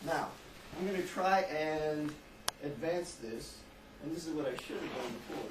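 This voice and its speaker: A man from Texas with a Southern American accent, teaching a class and explaining slowly, with lots of repetition. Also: on the high side. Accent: Southern American, Texan. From Texas, southern United States. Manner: animated, explains slowly and repeats words for the class. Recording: echoey classroom from far off with faint noise.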